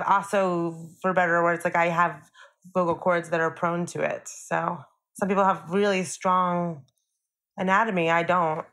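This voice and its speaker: Guesting on a podcast, a young singer-songwriter with a somewhat low voice chats in a relaxed, rambling way. It's a casual interview, and her sentences are peppered with fillers like "like" and "you know."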